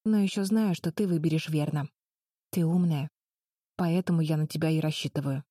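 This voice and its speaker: A woman's voice: sits low, moderate pace, mellow, no echo, clean studio sound. A woman voicing Betty, a determined eldest sister who urges the others firmly. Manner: firm, urging, through clenched teeth.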